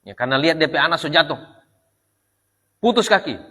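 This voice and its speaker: Preacher in an echoey hall. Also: male voice, fairly high pitch, animated, sharp tone. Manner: reads Arabic text slowly, then retells in Indonesian with frequent "ya". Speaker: religious teacher. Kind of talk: Islamic study lecture. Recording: long hall reverb.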